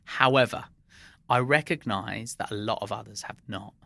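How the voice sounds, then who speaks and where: A man's voice: lowish voice, normal speed, creaky, fairly bright tone, no room sound. A man who grew up in England after being born in Iran, a podcast guest telling earnest workplace anecdotes with frequent restarts. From Iran, raised in England. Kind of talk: interview conversation.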